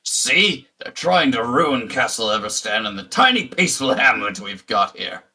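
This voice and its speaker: A man's voice: medium pitch, big pitch swings, bright, forceful tone, slightly rough. A man narrating a tabletop game as game master, often stumbling and restarting his sentences. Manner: halting, many restarts.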